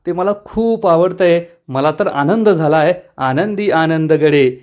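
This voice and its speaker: A man's voice: on the high side, slow pace, a little mellow. A man voicing a gleeful, petty young woman who gloats.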